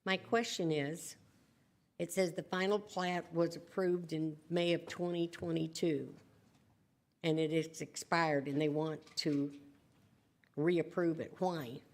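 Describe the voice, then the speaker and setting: A woman's voice: deep voice, fairly even intonation, takes it slowly, darkish tone. A woman serving as a council member who asks direct, pointed questions at a city council meeting.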